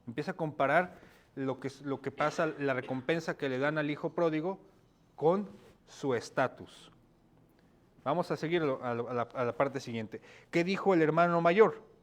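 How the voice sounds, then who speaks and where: Man preaching in a slightly high voice. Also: moderate pace. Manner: rhetorical questions, frequent checks with listeners. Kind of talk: sermon.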